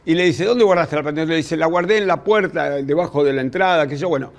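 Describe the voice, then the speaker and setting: A man with a Rioplatense Spanish accent, a rabbi teaching a class, telling old stories in a lively way, with quick quoted voices and asides to his students. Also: on the high side. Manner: addresses students directly with asides. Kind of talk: storytelling lecture.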